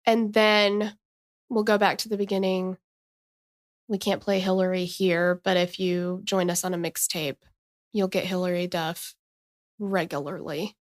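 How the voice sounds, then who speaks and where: A woman's voice: fairly low pitch, flat delivery, measured pace. A woman in her thirties co-hosting a casual true-crime podcast, chatting and reading case notes with asides. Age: 30s. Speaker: podcast co-host.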